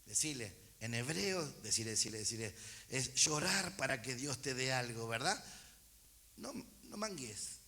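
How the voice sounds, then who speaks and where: In a medium-pitched, bright, forceful voice, a man preaches a little slowly but with animation. He's a pastor with a Rioplatense Argentine Spanish accent, reading scripture and calling to his congregation with chatty asides during a church service.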